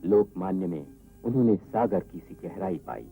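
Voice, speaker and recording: A man giving a measured, formal documentary narration, heard from an old worn tape recording. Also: low-pitched, very animated, vocal fry, dark tone, faint music behind, low-quality recording.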